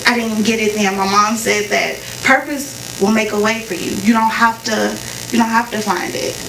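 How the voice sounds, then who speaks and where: A woman's voice: medium pitch, fairly even intonation, moderate pace, creaky, fairly bright tone, a little hiss or hum. A young woman speaking to a live audience before her performance, telling a personal story casually and repeating phrases for emphasis. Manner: conversational, repeats phrases for emphasis, talks to the crowd. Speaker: spoken word performer. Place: live concert venue. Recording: roomy live sound from a distance. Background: faint audience ambience.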